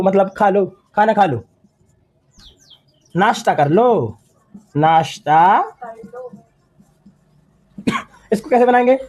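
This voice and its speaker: A man's voice: high-pitched, warm tone, rough recording. A man teaching English in a classroom, repeating phrases word by word and quizzing his students. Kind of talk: classroom lesson.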